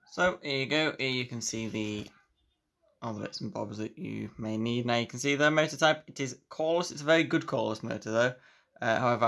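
A man's voice: mid-range voice, vocal fry, fairly bright tone. A man, casually reviewing a model locomotive at length, enthusiastic and rambling. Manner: enthusiastic, rambling with fillers like "bits and bobs".

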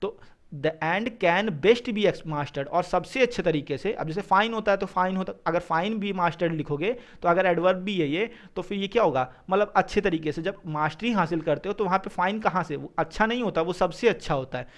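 A male teacher who explains exam answers, reading English sentences slowly and then explaining them quickly. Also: high voice. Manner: mixes English phrases into explanations, repeats "ठीक है".

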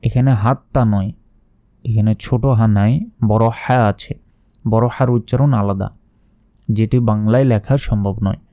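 A man with a Bangladeshi Bengali accent teaching Quran pronunciation, explaining each sound and then slowly drawing out the recited words. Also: on the low side, fairly even intonation, dark tone, no room sound, studio quality. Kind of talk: spoken lesson with slow recited phrases.

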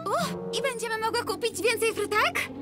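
A hapless, naive girl helper to a cartoon villain. She talks in a rushed, confused way, very high-pitched, over loud music. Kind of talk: animated cartoon dub.

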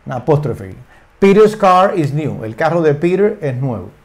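An older man with Spanish as his first language walks learners through an English lesson. His voice sits a little high, and he slows right down to spell out each English example. He keeps checking in with his listeners as he goes. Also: big pitch swings. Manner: repeats phrases, frequent tag questions, slow careful English examples. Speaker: English teacher.

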